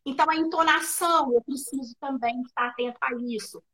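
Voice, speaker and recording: Mineira woman, speech therapist guest, high voice, animated, tip-giving. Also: brisk, poor audio. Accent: Minas Gerais Brazilian Portuguese. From Minas Gerais, Brazil. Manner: animated, practical, gives tips with examples. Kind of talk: explanatory interview answers. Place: remote live video session.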